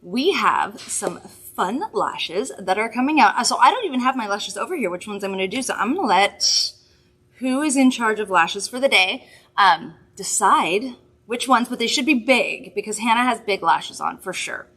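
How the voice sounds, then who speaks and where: A woman's voice: mid-range voice, expressive, moderate pace, sharp tone, slightly rough. Chatty, giggly woman hosting a makeup live. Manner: chatty, giggly, rambling asides. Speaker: makeup livestream host. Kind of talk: casual product demo chat.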